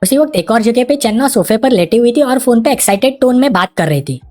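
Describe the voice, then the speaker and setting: A woman narrates a manhwa recap in an animated storytelling style. She talks fast, and her pitch swings widely. Faint music plays underneath.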